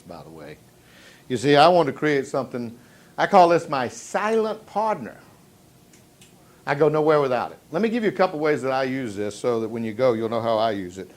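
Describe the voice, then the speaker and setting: A man giving a motivational sales seminar to a live audience, telling stories and asking rhetorical questions, swinging from hushed tones to loud emphasis. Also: on the low side, a little hiss or hum. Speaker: sales trainer.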